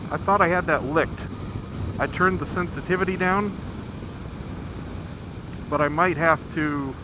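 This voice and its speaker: A man's voice: on the high side, a little slow. A man giving casual, rambling ride-along commentary, thinking aloud and explaining things as he records from inside a motorcycle helmet. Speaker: motorcycle vlogger. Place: outdoors at night, riding a motorcycle. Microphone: microphone inside a motorcycle helmet. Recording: loud engine and wind road noise. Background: motorcycle engine and road rush.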